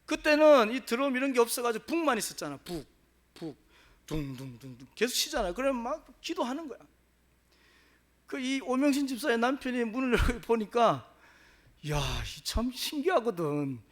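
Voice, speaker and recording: Pastor guy preaching in church, high voice, really swoopy and dramatic. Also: moderate pace. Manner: animated, dramatic storytelling. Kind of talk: storytelling sermon. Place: church sanctuary.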